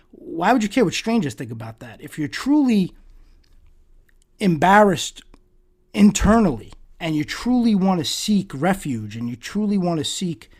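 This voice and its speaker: A man hosting a solo podcast, talking through rhetorical questions in a sarcastic tone and often repeating words and restarting. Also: a little high. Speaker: podcast host.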